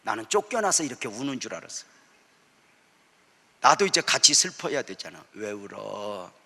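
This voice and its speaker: A man's voice: mid-range voice, sing-song, fairly quick, bright, forceful tone, slightly rough. A male pastor preaching a sermon, telling stories with humor and acting out his church members' words. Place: church sanctuary. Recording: church hall reverb.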